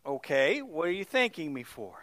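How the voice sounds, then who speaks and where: Male pastor, middle-aged, high bright voice, dramatic storytelling sermon. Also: big pitch swings, moderate pace, dry recording. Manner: storytelling, swings from loud exclamations to hushed near-whispers.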